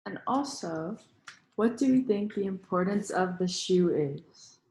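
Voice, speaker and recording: Reading aloud to young listeners like a teacher, a woman pauses to ask questions that get them thinking along with the picture book. Her mid-range voice is animated and a little mellow, in a roomy-sounding space.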